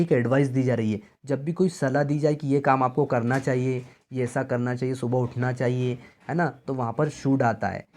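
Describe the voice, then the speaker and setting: A man's voice: mid-range voice, darkish tone. A man teaching exam grammar, who keeps asking his students questions and answering them himself. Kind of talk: exam-prep grammar lesson.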